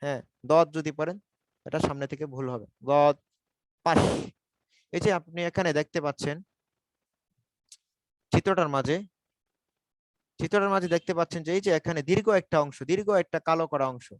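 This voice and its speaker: Man drilling syllables slowly, dry mic. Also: on the high side, no room sound, rough recording. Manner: repeats syllables slowly for students to copy. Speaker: Quran recitation teacher. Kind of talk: tajweed pronunciation lesson.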